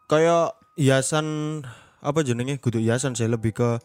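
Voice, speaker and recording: A man's voice: mid-range voice, unhurried, a little mellow, clean tone, faint music behind. A man with an East Javanese accent co-hosting a podcast, chiming in with short agreements and jokes. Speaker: podcast co-host. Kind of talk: casual podcast chat.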